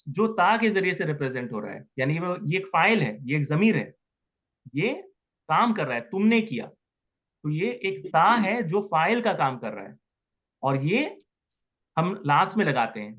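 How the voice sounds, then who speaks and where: A man's voice: sits high, fairly bright tone, highs cut off. A man teaching Arabic grammar in an online class, patiently repeating words and asking students questions.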